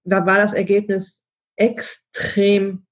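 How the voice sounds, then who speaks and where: A woman hosting a casual conversation, chatty and animated as she tells stories. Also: mid-range voice, takes it slowly.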